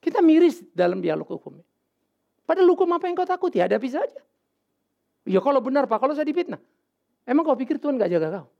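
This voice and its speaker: A male pastor preaching a sermon in a casual, animated way, with sudden loud outbursts and English words mixed in. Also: extremely high pitch, quick pace, gravelly, pauses often. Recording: dull lo-fi sermon recording.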